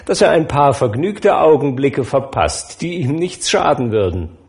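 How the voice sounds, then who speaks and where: Man doing a jolly young nephew, high and bright, hearty, emphatic, storybook reading. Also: big pitch swings, unhurried. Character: cheerful good-natured young nephew.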